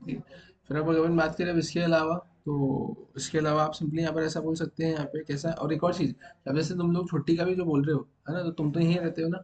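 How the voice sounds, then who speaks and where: A man's voice: a little high, little pitch movement, fast talker, a little mellow. A man teaching a programming class to students in the room, explaining step by step and often asking whether everyone has understood. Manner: explains step by step, keeps checking if students follow. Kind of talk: classroom coding lecture.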